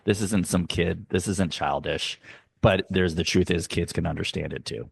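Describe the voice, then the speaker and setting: A middle-aged man with a very low, gravelly voice talks earnestly as an interview guest. He explains his ideas patiently, slowing down to stress key points. The sound is dry and close. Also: no room sound. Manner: earnest, explanatory, sometimes slow and emphatic. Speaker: guest, youth arts nonprofit leader. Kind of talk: conversational interview. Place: home, dog barking nearby.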